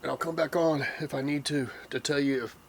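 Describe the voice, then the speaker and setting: An older man, taste-testing a hot barbecue sauce on his cooking vlog, teary and sniffling from the heat, with slow, drawn-out hums and sighs. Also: on the high side, steady tone, vocal fry, a little hiss or hum. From Texas. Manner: slow, drawn-out reactions to spicy food with many hums and sighs. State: teary, nose running from the heat. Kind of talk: casual taste-test reaction.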